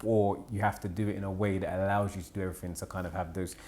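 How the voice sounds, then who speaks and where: A man hosts a relaxed podcast conversation in a fairly low voice. He thinks out loud, sums up what his guest has said, and steers the talk toward the next question. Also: very fast, a little hiss or hum. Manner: relaxed, reflective, summarises guest's points. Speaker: podcast host. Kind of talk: casual podcast interview.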